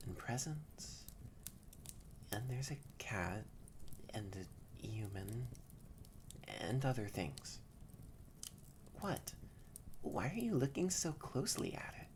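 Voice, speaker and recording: A young adult performer with a mid-range voice plays a haughty, grumpy but secretly shy catboy in an intimate roleplay audio drama, stammering and often dropping into breathy near-whispers. He starts shy and guarded, then turns flustered and indignant. The background is noisy.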